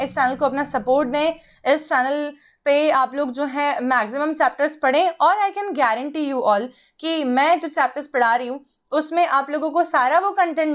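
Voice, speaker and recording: A young woman with an Indian English accent teaching a biology lecture, mixing Hindi and English and explaining step by step to her students. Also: high-pitched. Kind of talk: online exam-prep lecture.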